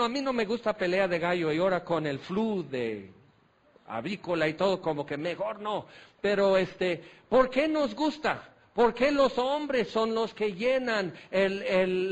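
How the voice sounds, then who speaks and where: A man preaching a sermon, folksy and self-deprecating, hammering home points with repeated questions. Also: sits high. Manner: rhetorical, repetitive questioning.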